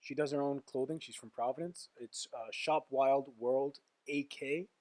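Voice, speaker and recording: A man co-hosting a podcast in casual chat, playful and teasing and quick to laugh. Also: mid-range voice, fairly even intonation, a little mellow, no echo. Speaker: podcast co-host.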